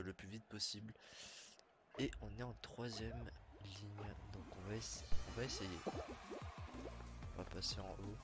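A young man with a lowish voice talks through his game in a casual, excitable way, chatting and cheering himself on. Game music plays clearly beneath his voice throughout. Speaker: gaming video creator. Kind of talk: casual live gameplay commentary. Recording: music playing under the voice.

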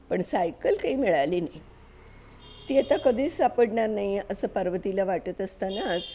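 Female narrator for a story reading: steady, measured, warm and mellow. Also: mid-range voice.

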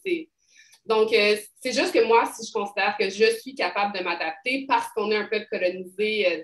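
A woman's voice: medium pitch, a bit bright. Québécois woman in her thirties, loose conversational answers, recorded in a reverberant room. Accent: Québécois French. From Quebec. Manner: rambling, many fillers and restarts. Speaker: poet, interview guest. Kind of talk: casual interview talk.

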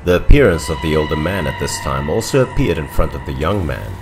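Deep low guy reading a spooky story, voice swings up and down a lot, quiet music behind. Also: big pitch swings, fairly quick. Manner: dramatic storytelling with swings in pitch and loudness. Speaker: narrator. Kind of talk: scripted horror story narration.

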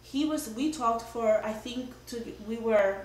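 A woman's voice: a little high, unhurried. A middle-aged woman, a homeowner, earnestly telling a long story at her dining table with many fillers. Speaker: homeowner giving a testimonial. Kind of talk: casual testimonial. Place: dining room of a house, indoors. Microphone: far camera. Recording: roomy, distant camera audio, faint hum.

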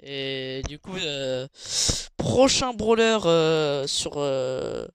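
A man's voice: a little high, lively intonation, very slow, clean tone, dry recording. A man hosting casual gameplay commentary, chatty and hesitant, with many fillers and restarts. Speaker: gaming channel host.

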